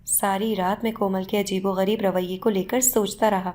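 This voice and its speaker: A woman narrating a scripted first-person moral story in a steady, measured reading. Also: medium pitch.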